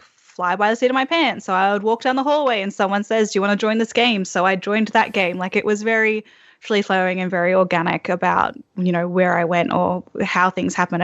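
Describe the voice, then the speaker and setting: A woman's voice: fairly low pitch, dry recording, lo-fi sound. A woman co-hosting a podcast, chatting casually and rambling with many fillers. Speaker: podcast co-host, game master. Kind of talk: casual chat.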